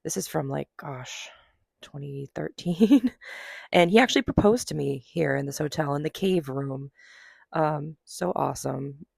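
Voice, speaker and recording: A woman in her thirties, hoarse from a summer cold, chatting casually and rambling as a knitting vlogger. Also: deep voice, unhurried, darkish tone, no echo, studio quality. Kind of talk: casual chat.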